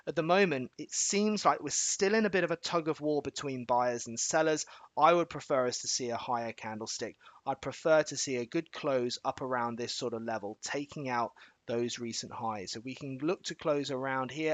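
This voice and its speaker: A man hosting a live trading webinar, talking quickly and chattily as he walks viewers through charts step by step, stopping to check they are following and reaching for homely analogies. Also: medium pitch, a bit bright, no echo. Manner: folksy analogies and filler-laden restarts. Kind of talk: live educational chart walkthrough.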